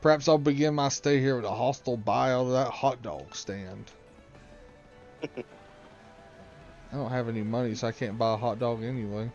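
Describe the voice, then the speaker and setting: Man hosting a let's play, middle pitch, cursing and joking, dull lo-fi sound with faint game music. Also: fairly quick, few pauses, darkish tone. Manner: rambling, profane, joking. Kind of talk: casual gaming chat.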